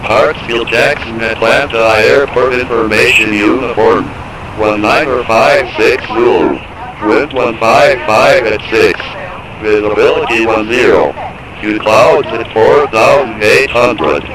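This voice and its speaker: Automated airport weather broadcast: even mid pitch, monotone readout, radio feed buried in loud background noise. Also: male voice, a little slow, a crowd in the background, poor audio. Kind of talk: monotone recorded information readout.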